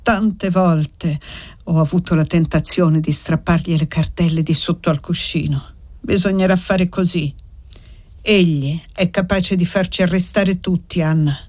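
A woman's voice: lowish voice, steady tone, unhurried, darkish tone, no echo. A woman voicing a proud, desperate young man in an audiobook, reading with bitter passion. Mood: grim.

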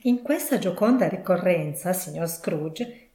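A polite, formal gentleman, as a woman reader puts him on, speaking in measured, courteous phrases in a low-set voice. The audiobook has a roomy echo. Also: expressive. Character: polite, formal middle-aged gentleman collecting for charity. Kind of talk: audiobook reading.

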